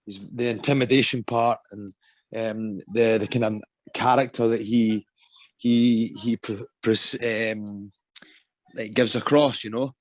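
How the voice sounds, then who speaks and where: A young Scottish man with a low voice answers interview questions in a loose, halting way, full of ums and restarts. The sound is close and dry, with no room around it. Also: fairly even intonation, no echo. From Scotland. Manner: hesitant, many ums and restarts. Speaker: interview guest, MMA fighter.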